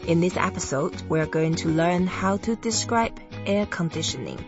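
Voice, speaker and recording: A young woman from Taiwan hosting a Chinese language lesson, who pronounces words slowly and carefully for drills. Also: on the low side, animated, dull audio, over music. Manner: slow, careful pronunciation drills. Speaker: Chinese language teacher and host. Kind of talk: scripted language lesson podcast.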